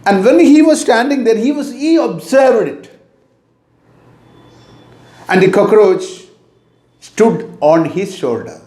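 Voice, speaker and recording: A middle-aged motivational teacher with an Indian English accent gives a motivational talk in a very high, lively voice. He speaks slowly and deliberately, repeating his key points, and the echoey sound suggests a bare room.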